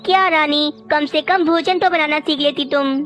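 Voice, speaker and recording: A woman plays a well-off husband crow in a cartoon, earnest and easygoing. The voice stays fairly high, over light music. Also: steady tone, normal speed, a bit bright. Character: wealthy, doting husband crow, male. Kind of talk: cartoon voice acting.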